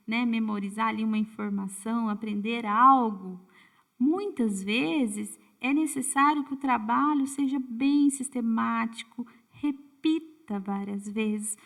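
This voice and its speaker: A woman's voice: fairly high pitch, gravelly. A woman giving a casual online lesson, speaking to her viewers with frequent tag questions and self-corrections. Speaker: teacher explaining literacy methods.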